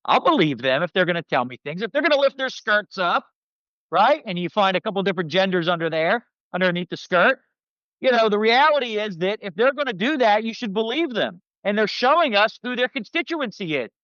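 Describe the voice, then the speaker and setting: With a high, bright and forceful voice and lively intonation, a Philadelphia man talks fairly quickly as a guest, mixing casual chat with political commentary. He's a publicist and commentator, brash, sarcastic and salty. There's no room sound, but the microphone is a bit dull.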